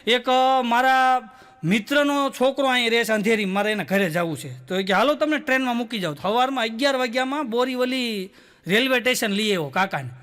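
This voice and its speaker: Comedian guy, real high voice, tells jokes and acts out the lines. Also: fairly bright tone. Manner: storytelling with quick voiced dialogue, "બોલો" tags. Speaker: stand-up comedian. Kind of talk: stand-up joke telling.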